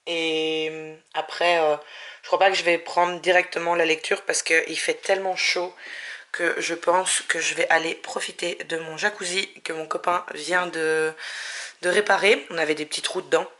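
A woman's voice: on the low side, little pitch movement, normal speed, pushed and bright. A woman chatting casually at home in a book vlog, hesitant with many fillers and restarts. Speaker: book vlogger.

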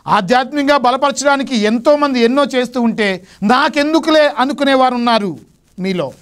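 High-voiced man preaching emphatically. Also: fairly bright tone. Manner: emphatic preaching, rising sharply on key phrases. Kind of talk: Lenten sermon. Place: television studio.

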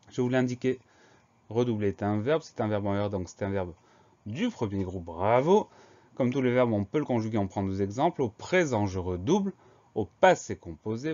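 Man spelling words out slowly, lesson style. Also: mid-range voice, darkish tone, muffled recording. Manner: slow, careful spelling out of letters. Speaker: teacher.

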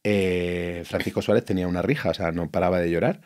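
A man's voice: low-pitched, steady tone, fairly quick, a little mellow. A middle-aged man from Spain, an actor and the guest, telling anecdotes in casual conversation, acting out quoted lines and often restarting his sentences. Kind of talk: casual interview chat.

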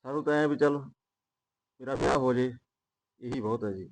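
A man's voice: medium pitch, normal speed, noisy background, lightly acted. A modest young village man, played by an actor, courteous and deferential. His voice sits in the middle range. This is a rural drama. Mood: polite. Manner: polite, deferential, using 'ji'. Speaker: prospective groom.

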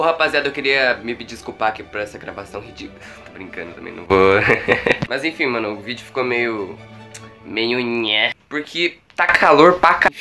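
Speaking in a bright, forceful, mid-range voice, a Brazilian Portuguese-accented teen fields viewer questions in an unscripted vlog. He jokes, uses slang, mocks himself, and curses plenty, recorded indoors in a small wooden-walled bedroom with a phone or webcam held at arm's length.

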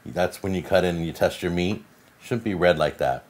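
Deep-voiced man demonstrating a recipe. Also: moderate pace. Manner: upbeat, instructional. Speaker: home cooking video host. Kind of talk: casual cooking demonstration. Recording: older video with faint background noise.

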